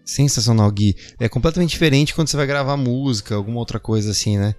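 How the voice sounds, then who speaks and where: A man's voice: medium pitch, fast, a little mellow, faint music behind. A Brazilian man hosting a podcast, interviewing his guest casually and with enthusiastic praise. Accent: Brazilian Portuguese. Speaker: podcast host.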